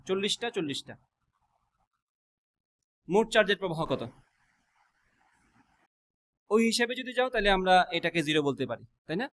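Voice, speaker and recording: A man teaches a physics class, quizzing students with quick rhetorical questions and mixing English math terms into his speech. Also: sits high, a bit bright. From Bangladesh.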